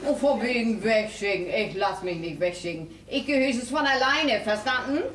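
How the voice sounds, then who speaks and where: A woman's voice: on the high side, lively intonation, normal speed, crowd noise, background noise, close to an everyday voice. An actress playing a bossy scolding landlady. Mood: indignant. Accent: northern German. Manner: indignant, scolding. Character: bossy nosy landlady, middle-aged woman. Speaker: landlady Frau Käselau. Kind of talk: stage comedy acting. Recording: echoey stage from far off, audience.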